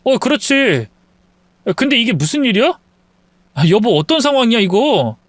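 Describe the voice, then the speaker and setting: A man's voice: very high voice, big pitch swings, normal speed, dry recording. A man voicing a deceitful young husband who stammers and pleads with excuses in a dry recording. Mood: pleading. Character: lying, groveling young husband caught cheating.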